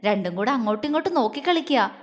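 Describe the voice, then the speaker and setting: Lady narrator doing a playful young husband, teasing banter, highish voice, echo hanging on. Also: expressive, rapid-fire, close to an everyday voice. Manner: teasing, low-key banter.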